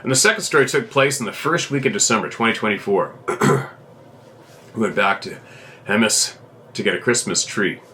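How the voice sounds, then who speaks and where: Man with a bright, lowish voice reading aloud. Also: normal speed, slight background noise. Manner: steady, plain storytelling delivery with small restarts. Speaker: host reading a viewer's letter. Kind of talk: reading a submitted encounter story aloud.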